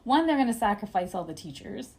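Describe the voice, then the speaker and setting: A woman co-hosting a podcast, animated and exasperated in casual chat. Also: medium pitch, quick pace, slightly rough. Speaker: podcast co-host.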